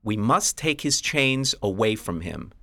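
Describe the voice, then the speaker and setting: Sensible middle-aged dad, man doing it, lecturing tone, bright and dry, slow. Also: fairly low pitch, big pitch swings, creaky, no room sound, voice pushed up, exaggerated voice. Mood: reproving. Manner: measured, lecturing. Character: stern, reasonable middle-aged American father.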